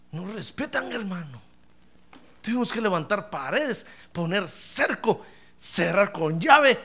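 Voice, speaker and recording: Middle-aged male pastor, animated storyteller, high bright voice, gravelly edge. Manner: animated storytelling, addresses listener as brother, swings from hushed to shouting. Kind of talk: sermon with anecdotes.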